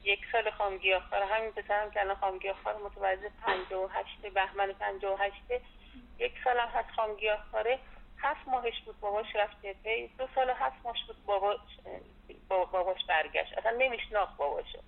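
A woman in her sixties, a patient's wife calling for advice, with a gravelly voice. She is agreeable and keeps affirming, heard over a landline phone line. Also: mid-range voice, fairly even intonation. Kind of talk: phone consultation. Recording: tinny phone line with faint hiss.

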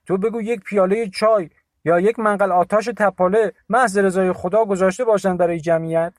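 A man voicing a cold, shivering village man with a hoarse voice in an audiobook. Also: high voice, steady tone, no room sound, pitched above the performer's own voice, close to an everyday voice. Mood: indignant. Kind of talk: audiobook character voice.

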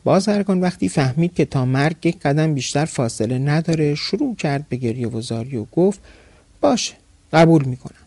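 Gravelly male storyteller. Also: a little high, expressive, hardly any pauses, dark tone, no echo. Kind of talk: storytelling narration.

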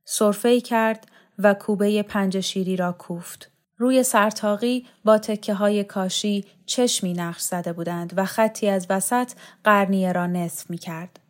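A woman narrating a novel aloud as an audiobook reader, calm and measured. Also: medium pitch. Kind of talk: scripted literary narration.

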